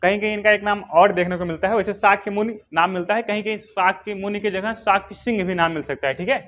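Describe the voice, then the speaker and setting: A man teaches a history coaching class quickly, his high, fairly bright voice fairly even in intonation. He answers his own questions, dictates notes, and hammers the key names home by repeating them again and again.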